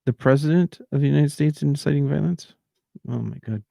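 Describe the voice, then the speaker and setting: A man talks to his livestream viewers in a rambling, heated way, circling back and restarting his sentences. His voice is gravelly and dark, and the sound is dry and close with no room around it. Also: a little high, a little fast, no echo. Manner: ranting, repetitive, trailing off. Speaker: livestream host.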